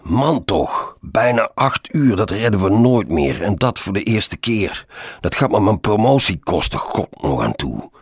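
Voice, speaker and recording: A man voicing a panicky, fussy middle-aged male office clerk who shouts in a whiny, overwrought way. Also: deep voice, lively intonation, a little fast, vocal fry, hardly any pauses, breathy edge, no room sound, clean studio sound, exaggerated voice. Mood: panicked, whiny.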